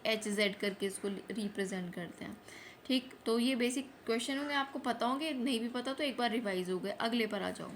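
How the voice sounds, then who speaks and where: Woman, exam prep teacher, quiz-style revision, repeats answers, faint background hiss. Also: on the high side. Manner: repeats each answer, mixes Hindi with English terms.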